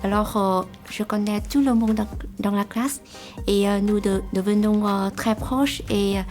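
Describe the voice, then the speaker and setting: A young Vietnamese woman, an international student, giving a halting testimonial in French with a Vietnamese accent and many pauses. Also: mid-range voice, steady tone, a little mellow, soft background music.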